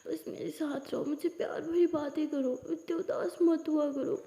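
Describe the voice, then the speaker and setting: A woman's voice: high voice, steady tone, normal speed, warm tone. A woman doing a soothing, teasing young lover. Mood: tender teasing. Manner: soothing, coaxing. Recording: echoey room with long reverb.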